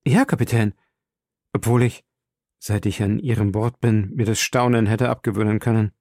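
A curious professor full of wonder, read by a man for an audiobook. His voice is dark and mellow, and the recording is dry and close with no room sound. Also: fairly low pitch, normal speed, dry recording. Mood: astonished. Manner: wondering and questioning. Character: astonished male scholar, a curious professor. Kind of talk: audiobook role reading.

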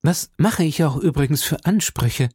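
An audiobook reader plays an affronted, vain and boastful male musketeer, pompous and full of self-pity. The mid-range voice is expressive, moderately paced, darkish and slightly rough, pushed up in delivery. It's studio quality with no room sound.

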